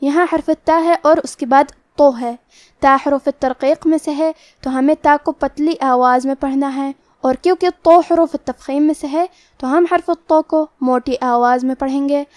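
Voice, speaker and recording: A woman teaching Quran recitation rules step by step in a calm, methodical way. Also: sits high, no echo. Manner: slow drawn-out demonstration of each word. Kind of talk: step-by-step tajweed lesson.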